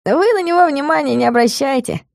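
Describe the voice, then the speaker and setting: A small, bookish male devil, fussy and easily flustered, complaining whenever trouble lands on him, as a woman narrator puts him on. The voice sits a little higher than a plain speaking voice, mellow in tone. The recording is dry and close, like a storybook audiobook. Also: sing-song, moderate pace, no room sound. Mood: placating.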